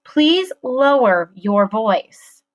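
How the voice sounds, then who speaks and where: Woman doing a stern older teacher, storybook voice, firm, scolding, slow. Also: fairly high pitch, very animated, lo-fi sound, voice pushed up, heavily acted. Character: stern older female schoolteacher. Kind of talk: audiobook character reading.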